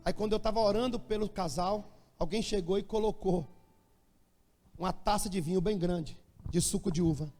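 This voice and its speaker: Very high-pitched Brazilian preacher in a reverberant church. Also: male voice, normal speed. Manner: animated preaching, humorous storytelling. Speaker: pastor. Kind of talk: sermon. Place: church hall. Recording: long church-hall reverb.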